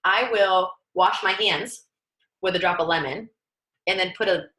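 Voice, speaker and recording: An upbeat woman, slightly low-pitched, gives a chatty training talk. She talks in a casual, lively way and keeps the tone warm and conversational. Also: measured pace, poor audio. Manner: lively, upbeat, acts out quoted dialogue with sudden high pitch jumps. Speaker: network marketing trainer.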